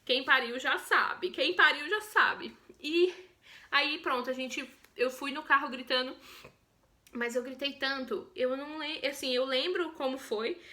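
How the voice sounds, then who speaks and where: A young Brazilian woman with a Brazilian Portuguese accent, telling her own birth story in a chatty, expressive vlog. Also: high voice, unhurried.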